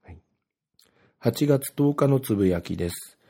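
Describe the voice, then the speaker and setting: A man's voice: mid-range voice, expressive, unhurried, creaky, mellow, slightly rough. A man from Ibaraki talking casually on his own, reading his posts aloud and rambling with plenty of filler words. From Ibaraki, Japan.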